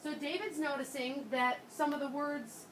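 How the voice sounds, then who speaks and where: A woman's voice: high-pitched, fairly even intonation, moderate pace, reverberant. A woman teaching young children in an encouraging kindergarten-teacher manner, asking questions and repeating their answers back to them. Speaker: early grade teacher leading class discussion. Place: classroom with children. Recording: noisy classroom, picked up from far off.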